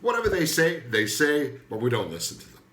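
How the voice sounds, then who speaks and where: A man's voice: mid-range voice, big pitch swings, a little fast, pushed and bright, roomy sound. An older man from Turkey with a Turkish accent, a native Turkish speaker, hosting a rambling, joking comedy monologue that often loses its thread. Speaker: comedian host.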